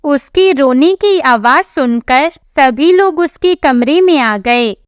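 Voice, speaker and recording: Slow, high-voiced woman narrator. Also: no echo. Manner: even, storytelling. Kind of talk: scripted storybook narration.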